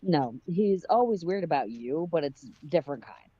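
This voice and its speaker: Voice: medium pitch, animated, normal speed, dark tone, no echo, close to an everyday voice. Reader voicing a wisecracking young guy, teasing and pointed, dull dry mic.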